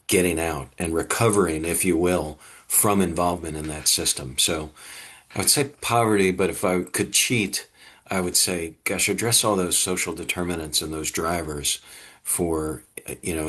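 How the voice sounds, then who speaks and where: A man's voice: low voice, fairly bright tone. A man presenting a webinar, answering a question thoughtfully with hedges and fillers over a video call.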